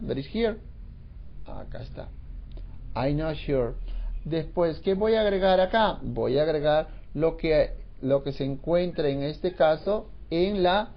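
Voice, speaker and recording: A man teaching an English grammar lesson in Spanish, explaining slowly and repeating phrases, with English examples mixed in. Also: on the high side, muffled recording.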